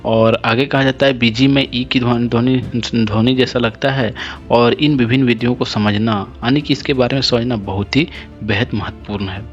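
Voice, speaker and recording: A man teaching English pronunciation rules, explaining each rule and spelling out example words slowly, often stopping to correct his own slips. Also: mid-range voice, fairly even intonation, muffled recording, faint music behind. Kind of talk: spoken phonics lesson.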